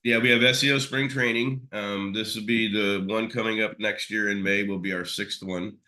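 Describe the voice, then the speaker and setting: A man's voice: fairly low pitch, steady tone, normal speed, sharp tone. A man talking casually as an interview guest, rambling with many fillers and restarts. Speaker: SEO expert guest.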